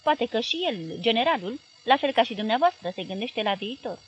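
Woman reading clever young male journalist, lively, brisk, animated, fairly high voice, audiobook. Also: muffled recording, slight background noise, natural voice.

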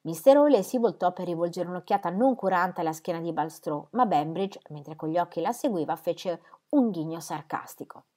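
A young adult woman reading a novel aloud at a steady, measured pace. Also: on the low side. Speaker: audiobook reader.

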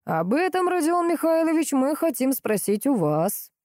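A woman's voice: sits high, big pitch swings, moderate pace, darkish tone, dry recording, pitched above the performer's own voice. A woman voicing a middle-aged police colonel who talks in a dry, mocking, businesslike way. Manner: ironic and businesslike.

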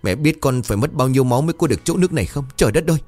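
A man's voice: mid-range voice, animated, very fast, darkish tone, faint music behind, pitched above the performer's own voice, lightly acted. A man voicing a desperate, obsessed young man, frantic and pleading.

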